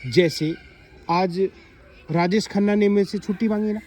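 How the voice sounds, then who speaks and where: A man teaching young pupils in a classroom, asking them questions and slowly reading example sentences aloud. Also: high voice, a little mellow, slight background noise. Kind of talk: classroom explanation to children.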